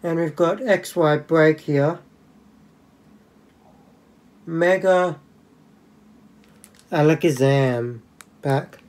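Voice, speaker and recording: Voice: medium pitch, takes it slowly, darkish tone. A channel host giving casual, joking commentary while opening cards indoors, humming little sound effects between cards.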